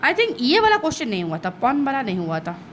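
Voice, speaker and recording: Lively high-voiced woman teaching a class. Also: brisk, a little hiss or hum. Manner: lively, checks understanding with constant "okay?" asides; laughs at her own slips. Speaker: school English teacher. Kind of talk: online class explanation in mixed Hindi and English.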